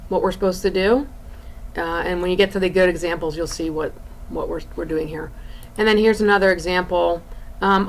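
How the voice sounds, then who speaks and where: A woman with an average-pitched voice gives an informal recorded lesson as a college instructor. She explains what is on screen haltingly, stretching words as she goes. Background room noise sits under her voice. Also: rough recording. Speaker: college graphic design instructor.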